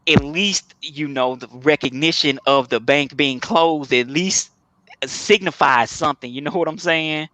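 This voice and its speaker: A man's voice: on the high side, a little slow, pushed and bright, dry recording. A man on a podcast giving candid opinions in casual chat. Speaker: podcast co-host.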